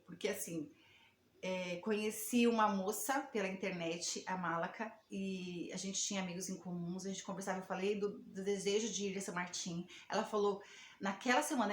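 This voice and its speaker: A woman's voice: mid-range voice, slight background noise. Brazilian woman telling a testimony in a roomy space. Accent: Brazilian Portuguese. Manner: lively storytelling with many fillers and reenacted dialogue. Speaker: missionary. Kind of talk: religious testimony addressed to believers.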